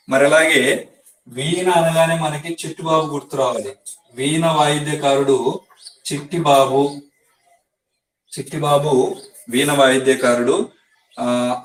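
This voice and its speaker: A male teacher giving an exam-prep science lesson, explaining step by step and repeating key facts for students to memorize. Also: medium pitch. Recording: echoey room, voice from a distance.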